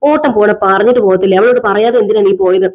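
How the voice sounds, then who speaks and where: A woman's voice: mid-range voice, quick pace, darkish tone, lightly acted. A woman retelling a serial voices a worried middle-aged father who frets and scolds. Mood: scolding. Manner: anxious, fretting, then scolding.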